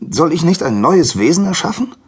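An eager storybook god goes from creature to creature with his questions, his voice lifted and swinging widely, as a man plays him. It has a husky texture. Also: fairly high pitch, fairly quick, pitched above the performer's own voice, full character voice. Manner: lively, questioning, raised voice. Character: curious, eager male god Prometheus. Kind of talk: storybook character voice.

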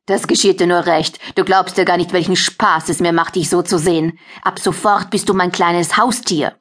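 A woman's voice: medium pitch, animated, moderate pace, natural voice. Woman voicing a scornful pregnant captor. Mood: gloating. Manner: mocking, contemptuous. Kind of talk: audiobook character voice.

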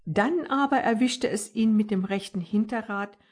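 A woman's voice: mid-range voice, moderate pace, breathy edge. A woman reading her own children's book aloud as an audiobook.

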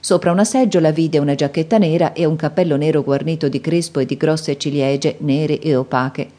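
Low mellow lady reading an audiobook, calm and even. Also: fairly quick. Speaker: audiobook narrator. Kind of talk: scripted narration.

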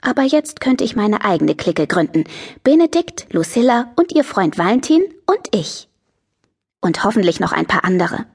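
A woman narrating a teen novel in the first person, lively, chatty and self-mocking. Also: medium pitch, moderate pace, gravelly, husky. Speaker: audiobook narrator.

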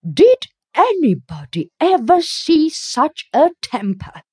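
A woman's voice: sits high, very animated, measured pace, darkish tone, dry recording, studio quality, pitched above the performer's own voice. A woman voicing an outspoken, disapproving older woman neighbor in a storybook reading, emphatic and blunt. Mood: horrified. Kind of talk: audiobook character reading.

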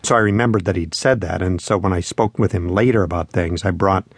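This low male voice moves a little fast, with vocal fry and soft music playing underneath. Being interviewed as a musician and spoken-word artist, he reflects and tells stories conversationally, performing the quotes he recounts.

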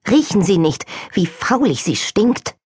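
A woman's voice: mid-range voice, big pitch swings, unhurried, a little mellow, husky, no room sound, studio quality, exaggerated voice. A woman voicing a grim, suspicious older female servant who grumbles sternly. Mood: grim, scolding.

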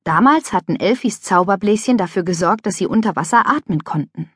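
Woman, children's audiobook narration, lively pitch, dry close studio sound. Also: a little fast, husky, no echo. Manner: lively, expressive storytelling.

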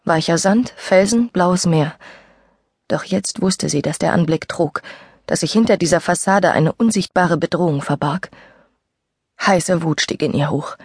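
A woman narrating a young-adult novel as an audiobook reader, with a breathy voice, recorded in a studio. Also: fairly low pitch, darkish tone, no room sound. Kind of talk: scripted narration.

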